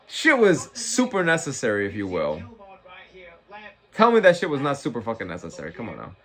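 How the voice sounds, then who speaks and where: A man's voice: mid-range voice, huge pitch swings, a little fast, fairly bright tone. A young man talking like a slangy, profane frat bro as he hosts a casual fight watch-along and answers chat. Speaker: livestream host.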